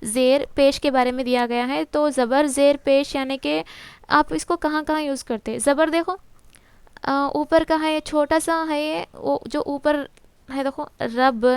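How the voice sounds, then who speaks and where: A woman's voice: sits high, fairly even intonation, no room sound. A woman teacher walks through a textbook lesson, asking and answering her own questions and mixing in English terms. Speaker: exam-prep teacher.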